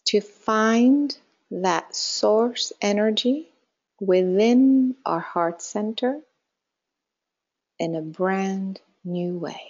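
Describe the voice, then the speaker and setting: A woman with a medium-pitched voice talks listeners through a meditation, extremely unhurried, with long silences between her spoken instructions. She stays calm and measured, letting phrases fade softly, in a recording that's a little muffled.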